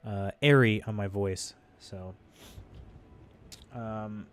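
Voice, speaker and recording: Here the congested streamer draws out his words in a lowish, steady tone while rambling casually, stumbling through restarts and fillers. A desk microphone gives a dry, close sound, with slight background noise.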